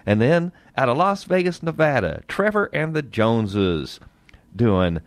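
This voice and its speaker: A man hosting a radio show, introducing songs in a folksy, lively way. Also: mid-range voice, unhurried, no room sound. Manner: lively, folksy, plays up his lines. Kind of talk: casual radio chat and song intros.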